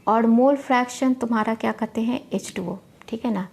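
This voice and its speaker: Mellow-voiced woman teaching chemistry. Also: on the high side, creaky, husky. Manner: explains step by step, often checking with "ठीक है ना"; reads English definitions slowly and deliberately. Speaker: chemistry tutor. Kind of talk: recorded tutorial lecture.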